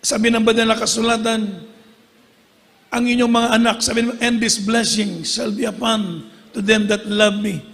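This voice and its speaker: A man's voice: very high voice, gravelly, fairly bright tone. A middle-aged man preaching a rousing sermon, calling out for amens and applause. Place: church hall. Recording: reverberant church hall.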